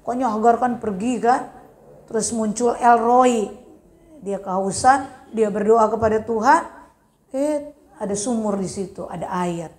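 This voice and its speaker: A woman pastor preaches in a church, her voice sitting high. She tells the story with animated, acted-out voices, rising and falling in wide swings. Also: a little slow, pauses often. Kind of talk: sermon.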